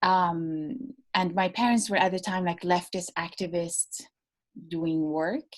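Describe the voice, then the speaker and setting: A woman guest on a video call interview, talking about her work thoughtfully with many pauses and restarts. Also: fairly low pitch, steady tone. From United States (born in Iran). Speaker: novelist guest. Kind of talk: casual interview talk.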